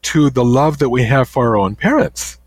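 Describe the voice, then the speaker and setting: An older man appears as a guest author, answering interview questions thoughtfully but haltingly, with many restarts. His voice is medium-pitched and the recording is dry.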